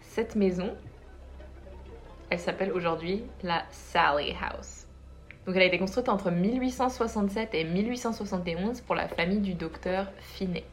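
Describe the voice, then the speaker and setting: A young woman telling a ghost story to friends in a casual, lively way, with dramatic pauses. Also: medium pitch.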